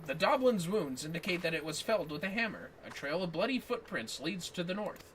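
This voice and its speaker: On a livestream from a home office, a male co-host chats casually and reads game text aloud in a playful, exaggerated manner. His high voice swings widely in pitch at a moderate pace. The audio is very noisy, captured on a distant mic with music playing behind him.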